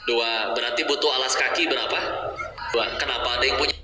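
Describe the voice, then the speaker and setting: A man's voice: mid-range voice, fast. A male preacher giving a humorous sermon, acting out voices as he talks. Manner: lively, acts out quoted voices, uses Sundanese words. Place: mosque hall. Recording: echoey mosque hall, faint noise.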